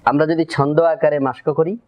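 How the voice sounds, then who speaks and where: Male Quran teacher, slightly high voice, patient drill-style delivery, muffled lo-fi recording. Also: fairly even intonation. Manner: explains step by step, drills letter sounds slowly. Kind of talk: Quran pronunciation lesson.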